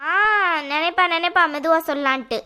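A woman's voice: extremely high pitch, steady tone, fairly quick, sharp tone. A woman voicing a sly, meddling young sister-in-law in a cartoon, taunting sarcastically in a Tirunelveli Tamil accent. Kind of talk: cartoon voice acting.

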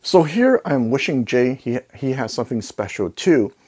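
A middle-aged video host reviews audio gear in a very animated way at normal speed, his mid-range voice slightly mellow and husky. Speaking to camera from an indoor home listening room through a clip-on lapel mic, he stays conversational, with jokey asides and rhetorical questions.

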